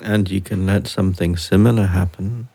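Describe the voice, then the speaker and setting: A man guiding a relaxation and breathing meditation, speaking softly and unhurriedly with long pauses between phrases. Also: low voice, steady tone. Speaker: meditation guide. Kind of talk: guided relaxation.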